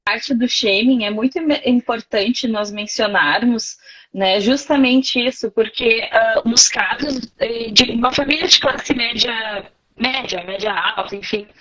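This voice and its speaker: A woman's voice: fairly high pitch, measured pace, fairly bright tone. A woman lawyer explaining a point over a video call while her connection drops out. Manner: explanatory, many tag questions. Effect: call audio breaking up, signal dropping. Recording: muffled, distant video-call audio.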